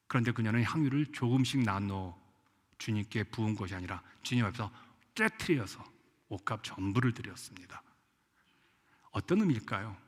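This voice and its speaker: With a medium-pitched, slightly bright voice, a man delivers an impassioned sermon as pastor, voicing the people he quotes. He preaches in a church sanctuary, and the hall's echo comes through clearly.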